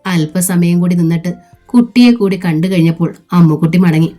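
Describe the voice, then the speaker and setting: A woman reading a serial novel aloud with steady, measured storytelling. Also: fairly low pitch, soft background music. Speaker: narrator.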